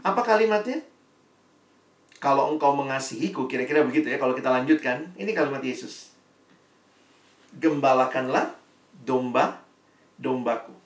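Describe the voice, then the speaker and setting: Animated preacher man in a roomy hall. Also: mid-range voice, normal speed, pauses often, far from the mic. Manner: animated, acts out dialogue, swings between loud emphasis and quiet asides. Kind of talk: sermon to young adults.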